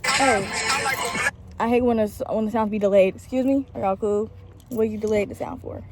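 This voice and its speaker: A woman's voice: medium pitch, moderate pace, very noisy. A woman from Dallas, Texas, chatting casually outdoors for a vlog, scolding and soothing a child between remarks to viewers. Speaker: vlogger. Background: music.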